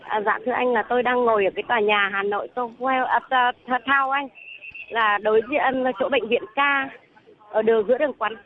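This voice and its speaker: Fast-talking woman from Vung Tau on the phone. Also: fairly high pitch, fairly even intonation. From Vung Tau, southern Vietnam. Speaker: protester calling in. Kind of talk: phone interview. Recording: tinny phone line with faint noise.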